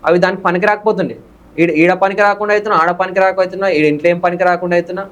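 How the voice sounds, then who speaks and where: A young man, a content creator in a casual interview, talking fast and excitably. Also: high voice. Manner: fast, excitable, bursts into loud dramatic dialogue delivery. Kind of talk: casual interview with acted film dialogue.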